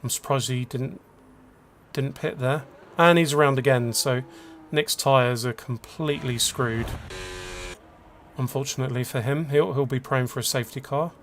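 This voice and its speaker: A man's voice: medium pitch, moderate pace, fairly bright tone, a little hiss or hum. A man giving casual, chatty commentary on an online racing league, calling positions and penalties. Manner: chatty, laughs along, lists penalties. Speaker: race commentator.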